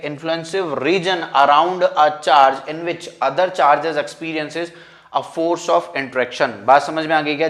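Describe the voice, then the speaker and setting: A man teaching a physics lecture, talking informally and keeping on asking whether the students understand, then slowing down to dictate definitions word by word. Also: on the high side, a bit bright. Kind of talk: classroom lecture, mixing Hindi and English.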